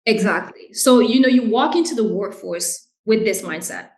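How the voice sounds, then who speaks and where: A woman's voice: medium pitch, moderate pace, a little mellow. Roomy-sounding woman from Haiti, earnest. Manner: earnest, explains with "right?" and "you know". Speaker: guest, brand director. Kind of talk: casual interview conversation.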